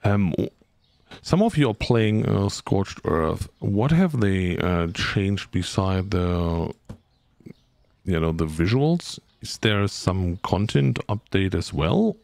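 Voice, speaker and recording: A lowish, gravelly male voice talks slowly and loosely to his viewers during a game. He hums and scats little tunes to himself between comments. The sound is close and dry, with no room around it. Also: lively intonation, darkish tone, no room sound. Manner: chatty, hums and scats to himself, reads chat aloud. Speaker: streamer. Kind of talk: casual gameplay commentary to chat.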